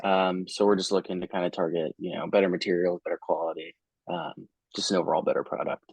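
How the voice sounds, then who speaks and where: A man with a very low voice comes through a video call, talking as a store buyer. His speech is relaxed and loose, with plenty of fillers. The call audio sounds dry and close, with no room around it. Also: quick pace, breathy edge, no echo, rough recording. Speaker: store buyer in a role-played sales call. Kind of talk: casual business talk.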